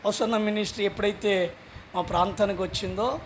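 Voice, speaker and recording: A male pastor preaching a sermon in a chatty way, acting out little exchanges and breaking into shouted calls for hallelujah. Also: sits high, steady tone, brisk, a little hiss or hum. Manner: conversational, acts out little dialogues.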